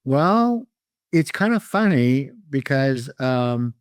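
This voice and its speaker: A middle-aged man, born in Canada and raised in California, tells his life story as a podcast guest in a calm, reflective way. His voice is smooth and clear at a middling pitch, and the recording is dry and close. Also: slow, dry recording. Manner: calm, reflective, laughs lightly. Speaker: guest entrepreneur. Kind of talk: casual interview storytelling.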